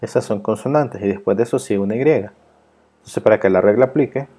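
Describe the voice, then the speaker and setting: A male teacher with a lowish, mellow voice walks through a grammar lesson. He takes his time and repeats each rule and example with patience. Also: fairly quick, husky. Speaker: English teacher. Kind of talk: grammar lesson explained in Spanish.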